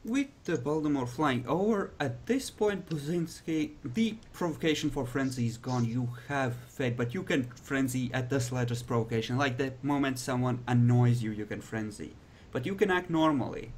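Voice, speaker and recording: A man's voice: medium pitch, normal speed, hardly any pauses, slight background noise. A man narrating a tabletop roleplaying game as game master, addressing players and describing scenes.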